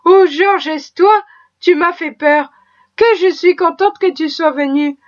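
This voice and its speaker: A loving, anxious young wife speaks tenderly and pleads, read in a woman's own voice. Her voice sits high, and the recording sounds dull and lo-fi. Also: measured pace.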